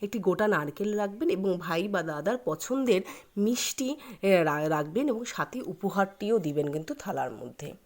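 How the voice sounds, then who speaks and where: Woman channel host, middle-pitched, earnest how-to explainer on festival customs. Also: lively intonation, a little mellow. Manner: earnest, advising, reciting a mantra slowly. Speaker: channel host giving ritual guidance. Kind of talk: instructional explainer.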